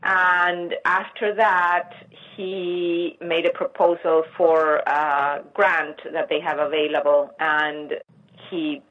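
A middle-aged artist from Argentina, giving thoughtful interview answers and searching for words with frequent restarts. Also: female voice, deep voice. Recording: muffled lo-fi line.

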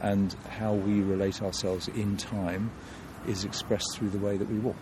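A man's voice: lowish voice, flat delivery, unhurried, noisy background. A man from London, a guest in an interview, talking thoughtfully with many restarts and fillers.

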